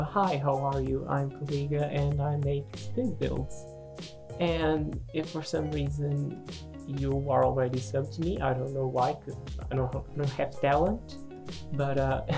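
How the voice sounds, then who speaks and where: A low-voiced woman, not a native English speaker, talks casually over a gaming video with guitar music behind her. She is hesitant and self-deprecating, and her delivery stays quite flat. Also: gravelly. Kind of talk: casual unscripted voice-over commentary.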